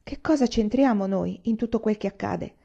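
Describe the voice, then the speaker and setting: A quiet, stubborn wife with a soft, sweet voice that never yields, as a woman reading a storybook voices her. The voice is gravelly and dark. The sound is slightly muffled. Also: medium pitch, moderate pace. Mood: reserved. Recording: slightly dull lo-fi recording.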